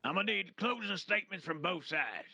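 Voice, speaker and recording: A man's voice: high voice, expressive, brisk, creaky, bright, forceful tone, breathy edge, no echo. A man roleplaying a judge in a game courtroom, brash, profane and commanding.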